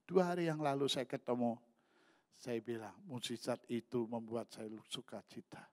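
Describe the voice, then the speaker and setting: Gravelly male pastor preaching with big swings. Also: in a large hall. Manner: swings from quiet storytelling to loud, high-pitched exclamations. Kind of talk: sermon with personal testimony.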